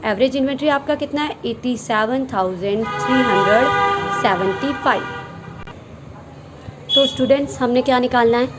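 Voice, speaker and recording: Higher-pitched woman teaching accounts. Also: moderate pace, very noisy. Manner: explains step by step, asks and answers her own questions; mixes English terms into Hindi. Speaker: commerce teacher. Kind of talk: recorded classroom lesson.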